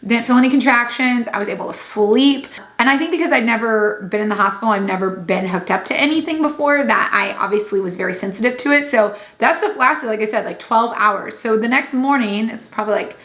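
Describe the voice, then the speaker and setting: A woman's voice: fairly high pitch, brisk, few pauses, fairly bright tone, echoey room. A young woman telling a personal story in a casual vlog, chatty and laughing, with lots of fillers and quoted asides. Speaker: vlogger.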